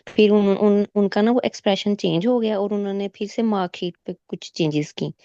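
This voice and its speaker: On a dull, lo-fi call from a recorded meet, a woman with a medium-pitched, slightly fast voice and no echo tells of her exam experience as a candidate. She retells it animatedly, quoting the examiners and herself, and mixes English medical terms into her casual storytelling.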